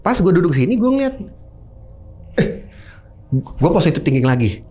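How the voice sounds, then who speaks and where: Middle-aged male guest, casual storyteller, very animated intonation, voices his own sound effects. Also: fairly high pitch, normal speed, breathy edge. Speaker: guest telling a personal ghost story.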